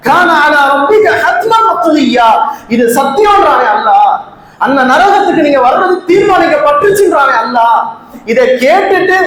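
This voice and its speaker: A man preaching an impassioned sermon to an audience in a large hall, often shouting and slowly reciting Arabic verses before explaining them. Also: very high voice. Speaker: Islamic preacher. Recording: very echoey hall.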